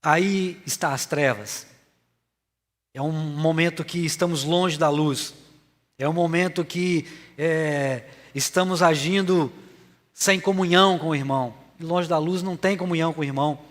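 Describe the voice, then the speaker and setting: A Brazilian man, a church elder, preaching a sermon in an earnest, halting way with frequent filler pauses. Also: on the high side. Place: church sanctuary. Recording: long reverb of a church hall.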